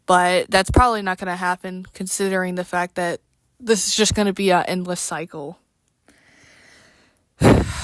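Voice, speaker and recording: A woman in a casual, unscripted rant to viewers, speaking in a weary, exasperated and halting way. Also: mid-range voice, clear, resonant tone, no echo, studio quality. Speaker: online creator addressing viewers.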